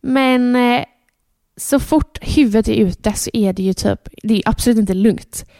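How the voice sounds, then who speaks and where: A woman in her thirties, a podcast co-host, telling a story in a lively, animated way and acting out her own shouts. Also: fairly high pitch, creaky, no echo, studio quality. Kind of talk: casual chat.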